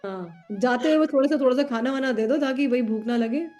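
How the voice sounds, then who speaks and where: A woman in casual group chat, telling stories with lively acted-out dialogue, mixing Hindi and English. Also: high voice, a little fast, faint music behind. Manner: animated storyteller acting out dialogue. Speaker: tarot student.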